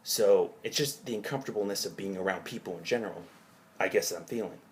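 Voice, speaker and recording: Man, lowish pitch, rambling dream journal, hazy and puzzled, halting, repetitive rephrasing. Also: a little hiss or hum. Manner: hazy, puzzled, groping for details; halting, repeats and rephrases himself. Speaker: narrator of own dream journal. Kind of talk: rambling personal dream recounting.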